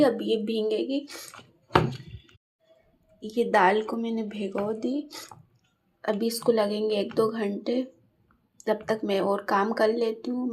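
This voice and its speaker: A woman's voice: medium pitch, breathy edge. A woman vlogging at home as a mother, chatting straight to her viewers in a casual, storytelling way. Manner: tells stories with lively back-and-forth. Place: at home, in the kitchen.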